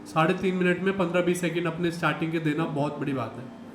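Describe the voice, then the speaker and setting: A man who is a stand-up comedian, explaining things in a relaxed, matter-of-fact way in a casual podcast chat. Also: a little high, quick pace. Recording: echoey room.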